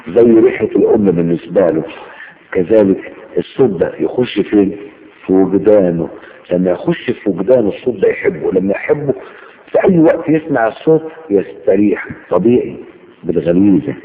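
A man's voice: deep voice, normal speed. A man with an Egyptian Arabic accent giving a religious lecture, telling stories and acting out the people in them. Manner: lively storytelling, acting out quoted dialogue. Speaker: preacher. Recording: tinny phone-like line with faint noise.

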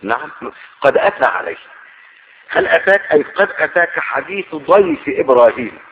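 A man's voice: a little high, animated, fairly quick. A man giving an emphatic Quranic sermon and commentary, rising to fervent oaths. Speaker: preacher. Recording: tinny lo-fi radio broadcast.

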